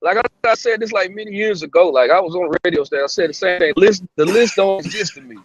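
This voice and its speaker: A man's voice: high voice, fast talker. A man on a remote call that keeps clipping and breaking up, talking bluntly with profanity and many restarts. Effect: clipped, breaking-up call connection. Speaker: panel guest. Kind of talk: casual panel discussion. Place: outdoors in woods, on the road. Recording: lo-fi dropping call line.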